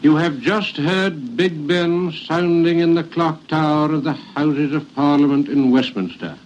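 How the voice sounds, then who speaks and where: A man's voice: a little high, darkish tone. Muffled old-newsreel-style radio announcer, man. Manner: stately, measured announcing. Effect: old archive radio recording, muffled and lo-fi. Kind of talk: formal 1930s radio announcement. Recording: muffled 1930s archive radio recording.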